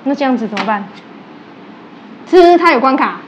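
Her voice sits high and moves a little fast as she delivers a sermon in Taiwanese Mandarin, slipping into Taiwanese Hokkien. The teacher narrates vividly, performing quoted exchanges and asking listeners questions. Audio quality is poor, with some hiss or hum.

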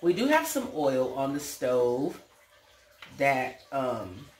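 Her voice is a bass, sing-song and unhurried: a middle-aged American woman hosting a laid-back home cooking demonstration with a folksy, playful manner. The recording, made indoors in a home kitchen, sounds roomy and clearly noisy, with clicks.

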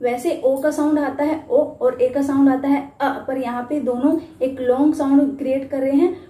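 High-voiced woman teaching phonics sounds. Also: steady tone, moderate pace. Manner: models letter sounds loudly, drawn out. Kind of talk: spoken teaching tutorial. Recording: echoey room.

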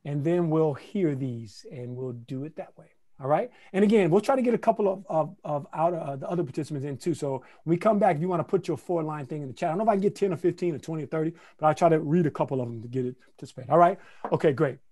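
Male playwright-teacher, high voice, animated, scats rhythms, casual workshop delivery. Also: fast. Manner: conversational, repeats phrases for emphasis. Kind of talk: lively online workshop teaching.

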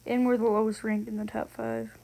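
A gaming video host giving casual, excitable gameplay commentary, slangy and given to frustrated exclamations, on a noisy recording with clicks. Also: medium pitch, brisk, vocal fry.

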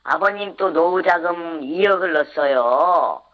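An interviewee in their fifties speaks through an electronic voice changer that disguises who they are. The speech is hesitant and halting, with many restarts. The altered voice comes through dull and lo-fi, at a middle pitch. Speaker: interviewed investment fraud victim. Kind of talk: anonymous radio interview.

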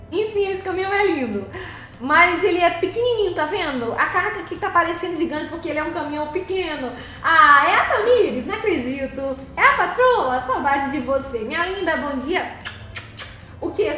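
A woman's voice: high-pitched, sharp tone, very echoey. A woman, live streaming as she drives a truck game, cheerfully greeting viewers by name and giggling.

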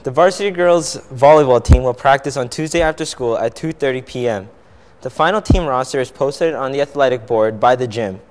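A young man of medium pitch works through scripted sports notices as a student announcer. His reading stumbles at times, and the room adds reverb. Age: teenager to young adult. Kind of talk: read-out school sports news. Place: indoor school set, seated.

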